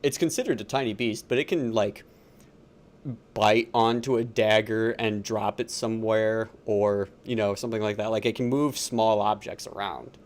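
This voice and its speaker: Laid-back male game master, lowish voice, chatty and halting. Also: steady tone. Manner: casual, laughing, lots of fillers. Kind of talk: narrating a tabletop game on a livestream.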